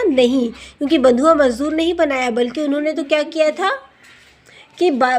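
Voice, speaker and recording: High-voiced woman teacher explaining a lesson. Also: a little hiss or hum. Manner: addresses students as beta, asks and answers own questions.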